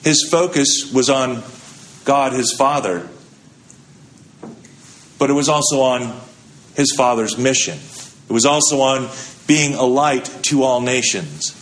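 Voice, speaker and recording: A man's voice: medium pitch, slow, pauses often, a bit bright. Man preaching a conversational sermon. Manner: conversational preaching with rhetorical questions. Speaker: pastor.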